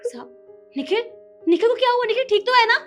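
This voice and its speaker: A sharp-tongued, scheming wife, played by a woman, scolding and accusing in a very high voice. Faint music plays behind her lines. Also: animated, fast talker. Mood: worried. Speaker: lady of the house.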